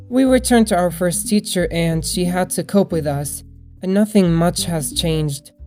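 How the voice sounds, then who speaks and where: A young adult woman with a mellow, fairly low-pitched voice narrates a personal story for a storytime video. Background music plays as a bed behind her voice.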